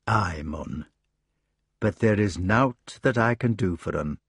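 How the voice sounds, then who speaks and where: A humble little storybook hedgehog with a broad West Country rustic burr, as a male narrator puts him on. He talks shyly and earnestly, his voice swooping high and low. The sound is close and dry. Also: lively intonation, slow pace, breathy edge, dry recording, exaggerated voice. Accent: West Country rustic dialect. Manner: broad countrified speech, shy and eager.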